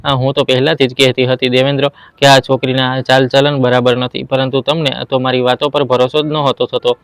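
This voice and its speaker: A man voicing a sly, scheming young wife who levels false accusations, in a flat, smooth voice. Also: medium pitch, brisk, no echo, lightly acted.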